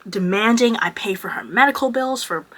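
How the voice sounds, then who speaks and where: A woman aged twenty-one telling a story in a casual vlog while doing her makeup. She talks in an animated, profane way with lots of filler words. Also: mid-range voice, moderate pace. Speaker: vlogger. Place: at home doing makeup on camera.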